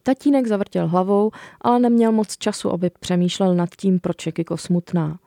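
A woman's voice: fairly low pitch, fairly even intonation, creaky, warm tone, dry recording. A woman, an author and radio guest, talking hesitantly with fillers and then reading her book aloud in a studio. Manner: hesitant, with many fillers when talking freely.

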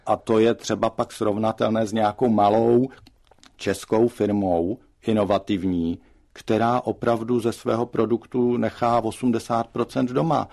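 A man with a fairly low voice argues his case in a studio debate. He talks in measured, deliberate sentences, pausing with hesitations as he builds his argument. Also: gravelly, darkish tone.

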